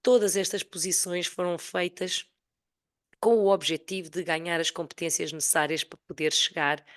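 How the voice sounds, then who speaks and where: Low-voiced Portuguese woman recovering from flu. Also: steady tone, normal speed. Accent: European Portuguese. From Portugal, Sintra area near Lisbon. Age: 40s. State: voice affected by a cold, recovering from flu. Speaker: podcast guest, retired corporate finance executive. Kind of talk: personal storytelling in a casual interview.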